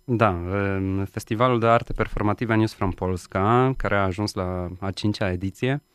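Low, smooth-voiced man, halting delivery. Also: fairly even intonation, dry recording, clean studio sound. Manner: halting, searching for words. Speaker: studio guest, festival project coordinator and interpreter. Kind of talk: live radio interview. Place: radio studio. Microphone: studio microphone.

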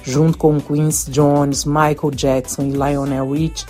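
A woman's voice: deep voice, level tone, measured pace, a little mellow, soft background music. A woman from Brazil, a singer, speaking earnestly in an interview and often tagging her sentences with little questions. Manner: earnest, frequent tag questions. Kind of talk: interview soundbite.

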